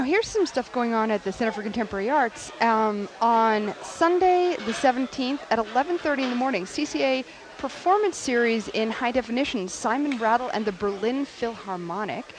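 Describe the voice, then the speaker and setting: A woman co-hosting a radio show, running through event listings with brisk, dry humor. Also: fairly high pitch. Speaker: radio co-host. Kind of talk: reading event listings and chatting.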